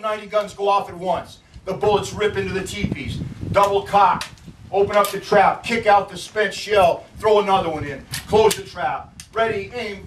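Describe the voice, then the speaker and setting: A male park ranger telling a battle story vividly outdoors, acting out the people in it. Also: sits high. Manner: vivid, acts out quotes. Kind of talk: dramatic historical storytelling. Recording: echoey, distant from mic, faint noise.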